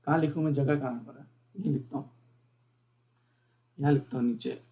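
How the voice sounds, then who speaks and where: A man teaching a beginner programming lesson, explaining each part of the code slowly and repeating the terms, often asking his viewers questions. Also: mid-range voice, fairly even intonation, lo-fi sound. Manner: explains step by step, repeats terms, mixes English terms into Hindi. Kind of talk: screen-recorded coding lesson.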